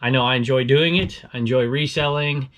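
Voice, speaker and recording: Chatty and rambling, with plenty of chuckles, a man in his forties hosts his casual reselling vlog as an eBay reseller and show host. He's from Southern California but has a Southern US accent. His voice sits at medium pitch, fairly bright, moving a little fast.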